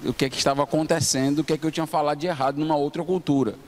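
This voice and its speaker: A male guest pastor preaches in a relaxed, story-telling manner with a fairly high voice. His voice rings with long hall reverb over faint background noise. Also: very fast. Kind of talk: sermon. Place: church hall.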